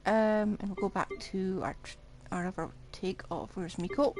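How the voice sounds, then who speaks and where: Over in-game music and fighting sounds, a woman streams a video game and remarks on it in a relaxed, throwaway manner. Her pitch is medium and her speed is normal.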